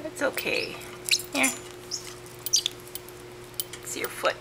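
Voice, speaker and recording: A woman's voice: extremely slow, very noisy. A young woman chatting to her pet parrots in sing-song baby talk, some lines half whispered, in a home video. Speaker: parrot owner filming her birds. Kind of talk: casual chat with pet birds. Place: home room with birds. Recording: home video with bird chirps behind.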